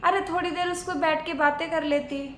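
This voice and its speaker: A woman playing a gentle, soft-spoken older mother who calms and mildly scolds her daughter. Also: very high voice, normal speed, slight background noise. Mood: soothing. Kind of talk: homemade family skit acting. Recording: echoey room.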